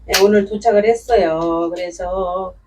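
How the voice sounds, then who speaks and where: A woman's voice: fairly low pitch, unhurried, far from the mic, noisy background. A woman unboxing succulent plants at home in a chatty, delighted way, exclaiming often. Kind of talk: casual unboxing commentary. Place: indoors at home.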